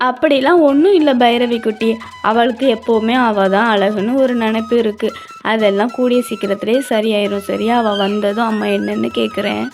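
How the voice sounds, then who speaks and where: A woman's voice: on the high side, fairly even intonation, moderate pace, vocal fry, pitched below the performer's own voice. A woman voicing a caring mother who comforts her crying daughter in a cartoon story, with faint music behind. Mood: soothing. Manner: soothing, concerned. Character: caring mother, soothing and concerned.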